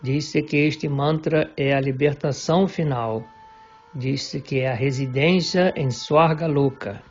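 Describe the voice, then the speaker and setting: Slow, husky man reading scripture. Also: a little high, darkish tone. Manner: measured, deliberate reading. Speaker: reader of a devotional book. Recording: dull lo-fi recording with faint background music.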